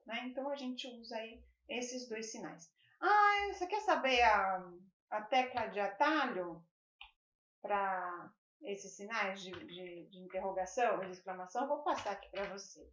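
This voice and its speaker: A woman's voice: mid-range voice, animated, a little slow, fairly bright tone, slight background noise. A woman who is a native Spanish speaker, teaching an online lesson in a patient, explanatory way and often checking in with her students. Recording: echoey room, slightly dull sound.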